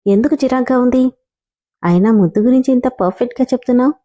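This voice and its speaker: A woman's voice: fairly high pitch, fast, dark tone, dull audio, lightly acted. A woman voicing a playful, affectionate young wife who coaxes and pleads with her husband. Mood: coaxing. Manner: coaxing, pleading.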